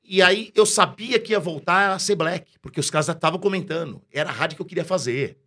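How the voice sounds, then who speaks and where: A Brazilian man with a fairly high, bright, forceful voice tells a story in a relaxed interview. He is a radio announcer, full of slang and quick to act out every line of dialogue he remembers. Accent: Brazilian Portuguese. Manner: lively, slangy, acts out quoted dialogue.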